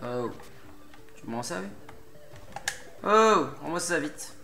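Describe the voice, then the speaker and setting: A man's voice: on the high side, lively intonation, slow pace, vocal fry, bright, forceful tone. A young man doing casual commentary while playing a game, getting worked up, pleading with and swearing at a boss. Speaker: let's play gamer. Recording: game music behind the voice.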